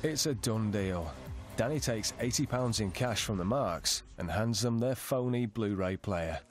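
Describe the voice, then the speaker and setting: A man's voice: lowish voice, lively intonation, unhurried, faint music behind. A man reading scripted TV narration in a dramatic, suspense-building way.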